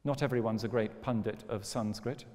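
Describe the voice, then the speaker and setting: A man's voice: fairly low pitch, normal speed, darkish tone. A man lecturing on philosophy in a wry, storytelling manner. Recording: long hall reverb.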